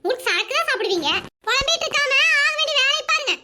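A woman voicing a sharp-tongued married woman in an animated comedy, scolding and teasing with quick retorts. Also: very high voice, noisy background. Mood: mocking.

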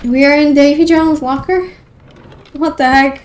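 Woman streamer, higher voice, unhurried horror-game commentary, jumpy and self-talking. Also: steady tone, slight background noise. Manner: easily startled, talks to herself. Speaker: gameplay streamer.

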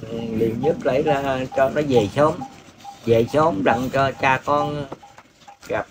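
A man in his seventies from An Giang with a Southern Vietnamese accent, answering interview questions about his missing daughter in a halting, hesitant way full of fillers. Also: mid-range voice. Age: 70s. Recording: noisy background.

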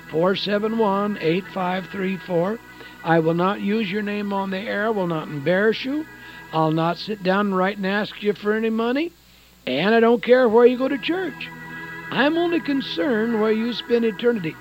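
An evangelist man delivers a radio sermon in a high, earnest voice, urging and pleading with his listeners. The broadcast sounds dull and lo-fi. Soft music sits faintly behind him. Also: moderate pace.

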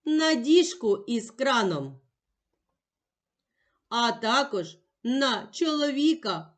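A woman teaching young children in a patient, emphatic way, sounding out each letter slowly. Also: fairly high pitch. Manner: patient, sing-song and emphatic, spelling out sounds one by one. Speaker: primary school teacher. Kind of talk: slow, clear classroom instruction for young children.

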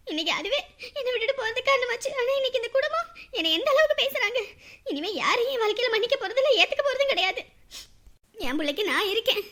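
A woman voicing a hurt, proud young mother in an animated drama, talking through bitter tears. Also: very high voice, exaggerated voice. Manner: tearful, bitter inner monologue.

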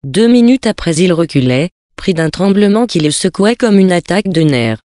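A narrator giving a measured audiobook reading of a period tale. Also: mid-range voice, big pitch swings, a little mellow, dry recording, studio quality.

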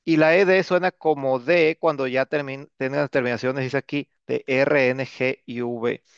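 In a casual English grammar class, a man speaks smoothly at a moderate pace with medium pitch and fairly even intonation. He keeps adding a questioning "¿no?" and the filler "este"; the audio is dull, dry, and lo-fi, without echo.

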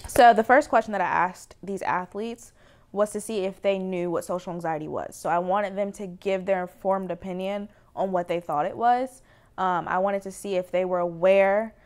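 A woman presenting her documentary from a living-room couch, speaking earnestly and in a measured way. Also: medium pitch. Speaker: documentary director and host. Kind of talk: direct-to-camera documentary introduction.

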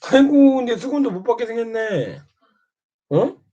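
A man's voice: very high-pitched, sing-song, normal speed, dark tone. A man taunting and scolding another streamer in a mocking monologue, prodding again and again with short questions. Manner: needling, keeps prodding with "eh?". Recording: dull lo-fi sound.

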